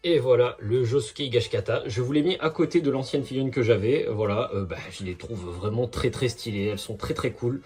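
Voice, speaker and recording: A man's voice: mid-range voice, a little fast, hardly any pauses, a little mellow. A man chatting casually through an unboxing vlog, slangy and joking, with faint music under his voice. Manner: chatty, slangy, jokey asides. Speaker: YouTuber unboxing figurines.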